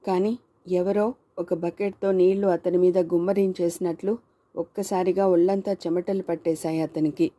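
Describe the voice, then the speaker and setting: A woman narrating a crime story in a steady, expressive reading. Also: on the low side, no room sound.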